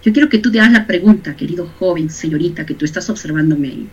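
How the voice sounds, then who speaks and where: Teacher lecturing youth: husky, lively, rhetorical questions, dull recording. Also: mid-range voice, fast talker. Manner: lively, asks rhetorical questions and acts out examples. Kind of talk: recorded lesson addressed to young people.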